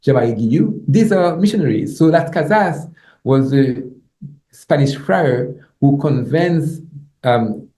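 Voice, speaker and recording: Speaking with a Haitian accent, a middle-aged man whose first language is Haitian Creole gives a guest academic lecture in an echoey indoor lecture room. He halts, repeats words, and punctuates points with "you know" and "right?" His medium-pitched voice is expressive and mellow.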